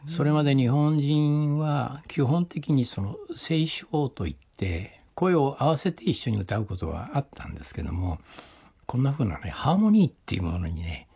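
An older man talks through old songs on a radio show, taking his time and padding his sentences with fillers. His voice is gravelly and husky, and his pitch rises and falls a lot. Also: very animated, moderate pace, dark tone. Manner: explanatory, leisurely, with many fillers. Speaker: radio co-host. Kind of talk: relaxed radio chat about old songs.

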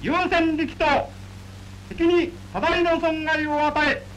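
A male radio announcer reads a formal official war bulletin in an old wartime radio broadcast, with a slow, measured delivery. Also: very high-pitched, level tone, a bit bright, poor audio. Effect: old wartime radio broadcast recording. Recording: old radio recording with faint hiss and hum.

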